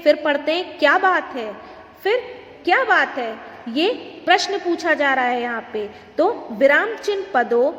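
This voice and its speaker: A woman's voice: sits high, a bit bright, big-room sound. A woman teacher giving a recorded lesson to schoolchildren, explaining step by step and asking and answering her own questions.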